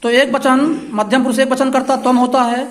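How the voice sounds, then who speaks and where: A woman teacher giving a classroom grammar lesson, repeating phrases slowly and quizzing the class. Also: high-pitched, little pitch movement. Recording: echoey classroom.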